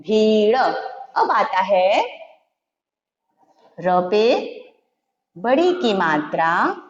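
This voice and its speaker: Slow, patient woman teacher in an echoey room. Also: medium pitch, sing-song. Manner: slow, patient, spells out syllables one by one. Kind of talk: Hindi alphabet lesson for young children. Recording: echoey room, dull lo-fi sound.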